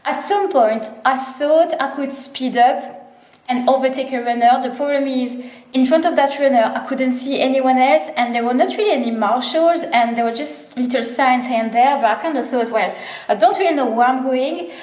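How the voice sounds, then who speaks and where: A woman's voice: high-pitched, normal speed, darkish tone, reverberant. A woman chatting informally to her running vlog, telling things in a casual storytelling way. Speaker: running vlogger.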